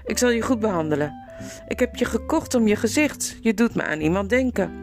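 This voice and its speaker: A woman's voice: on the high side, lively intonation, a little fast, music in the background. A woman reading aloud, voicing a grave middle-aged male noble lord who speaks in an earnest, courtly way. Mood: kindly.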